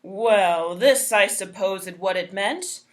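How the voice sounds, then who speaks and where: A woman's voice: medium pitch, takes it slowly, pitched below the performer's own voice, close to an everyday voice. A woman voicing a boastful, foolish male trickster from a folktale, with a blustering, declamatory storybook manner. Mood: boastful, defiant. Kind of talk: folktale character voice.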